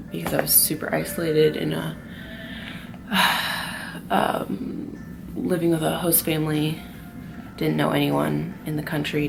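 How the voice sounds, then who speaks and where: Gravelly low-voiced young woman, half-whispering. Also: background noise. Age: young adult. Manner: soft-spoken, half-whispered, swears casually. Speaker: vlogger. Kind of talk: casual confessional talk. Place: group home at night, indoors.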